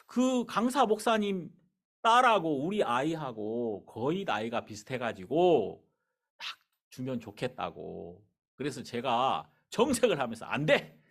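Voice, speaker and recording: Pastor guy telling a story from the pulpit, chatty and animated, voice jumps all over. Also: medium pitch, a little slow. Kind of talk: sermon storytelling.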